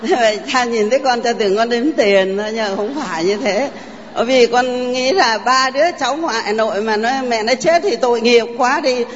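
Older woman, halting heartfelt church testimony, long reverb, muffled. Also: fairly high pitch. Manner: halting, heartfelt storytelling with many fillers. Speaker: parishioner giving testimony. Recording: dull, reverberant church recording.

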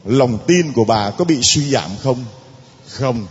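A man's voice: mid-range voice, lively intonation, measured pace, slightly rough, lo-fi sound. Emphatic male priest in an echoey hall. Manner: emphatic, dramatic repetition, talks to the congregation. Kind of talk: sermon. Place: church.

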